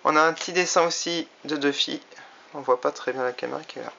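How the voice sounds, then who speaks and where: A man's voice: fairly high pitch, steady tone, fast, vocal fry, sharp tone, slight background noise. A man casually reviewing a toy he bought, chatty and often hesitating with fillers. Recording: slightly dull lo-fi recording.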